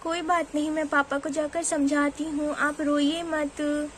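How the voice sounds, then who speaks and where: A woman's voice: sits high, little pitch movement, a little slow, a little hiss or hum. A woman voicing a caring young daughter in a doll story, soothing and reasonable.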